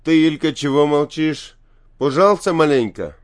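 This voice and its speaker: A man's voice: fairly high pitch, unhurried, pitched above the performer's own voice, natural voice. A man doing a sly old taiga healer. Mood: sly mocking.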